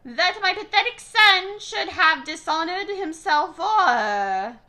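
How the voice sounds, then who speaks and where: A woman's voice: fairly high pitch, very animated, unhurried, bright, forceful tone, exaggerated voice. A woman voicing a harsh old grandmother who rants stern commands, read aloud from a romance novel. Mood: ranting.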